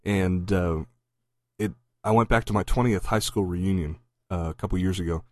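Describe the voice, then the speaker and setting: A man in his forties with a mild Southern accent, co-hosting a podcast in a relaxed, chatty way, thinking out loud with frequent ums and easy laughs. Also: low-pitched, normal speed, no room sound. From Pennsylvania. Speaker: podcast co-host. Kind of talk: casual chat.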